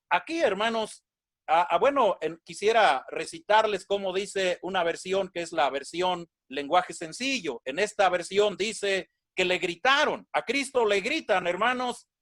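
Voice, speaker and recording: A man's voice: sits high, fairly bright tone, no echo. A man preaching a church sermon, earnest, reading scripture and repeatedly calling his listeners "brothers.". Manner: earnest, repeatedly addresses "hermanos".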